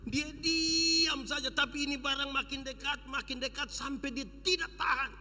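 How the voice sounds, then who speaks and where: A pastor with a Sumba accent telling a story in a revival sermon, swinging dramatically between shouts and hushed moments. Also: male voice, very high-pitched, steady tone, moderate pace, a little hiss or hum. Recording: long church hall reverb.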